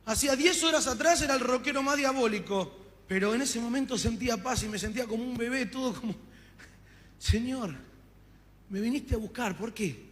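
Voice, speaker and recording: A man's voice: extremely high pitch, normal speed, fairly bright tone. A man with an Argentine accent preaching his testimony to a congregation, telling his story with fervor and acting out the dialogue. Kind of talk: testimony sermon. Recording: long reverb of a hall.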